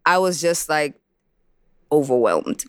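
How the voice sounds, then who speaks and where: Woman from Botswana, recording artist, reflective storyteller, smooth clear voice, dry close sound. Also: deep voice, animated, slow, no room sound. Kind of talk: interview about making a song.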